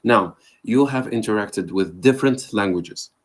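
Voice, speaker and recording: Acting as trainer in an interactive online language lecture over a video call, a man with a lowish, unhurried voice quizzes a participant. He questions him and affirms his answers with "there you go."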